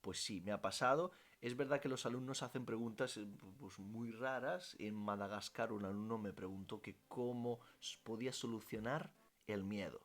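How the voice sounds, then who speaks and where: A man's voice: fairly low pitch, moderate pace. A man with an Italian accent, a language teacher answering questions in a casual vlog, talking freely and correcting himself as he goes. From Italy. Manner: animated, self-correcting, thinks aloud with fillers.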